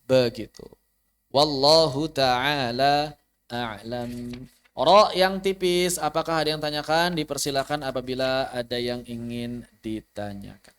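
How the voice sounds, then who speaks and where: A man teaching Quran recitation rules in an online class, explaining plainly and chanting example words slowly. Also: mid-range voice, steady tone, fairly bright tone, clear, resonant tone. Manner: addresses students directly, invites questions. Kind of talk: online tajwid lesson. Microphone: online class recording.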